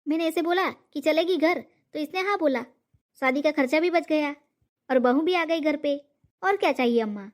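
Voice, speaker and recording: Woman playing a bragging lazy young cartoon dude, high voice, cheeky and pushy. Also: normal speed, natural voice. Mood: cheeky explaining. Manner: boastful, coaxing. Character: boastful lazy young man, cheeky show-off. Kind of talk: cartoon comedy voice acting.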